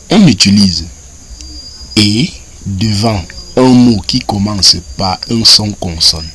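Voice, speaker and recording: Very slow, bright-voiced male language teacher. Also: fairly low pitch, slight background noise. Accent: Cameroonian French. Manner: repeats each word several times in a slow drilling cadence. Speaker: English teacher. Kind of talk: French-language vocabulary and grammar lesson.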